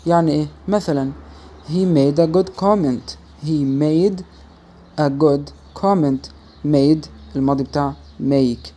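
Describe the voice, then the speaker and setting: A man with an Egyptian Arabic accent teaching English, saying example sentences slowly and explaining them quickly. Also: a little high, mellow. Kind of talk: language lesson.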